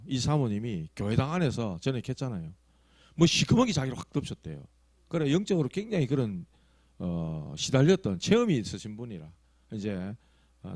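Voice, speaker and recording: A male pastor with a Gyeongsang accent preaching a sermon, telling stories that swing from loud emphasis to hushed asides. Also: lowish voice, no echo. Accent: Gyeongsang Korean. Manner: acts out quoted prayers and tongues.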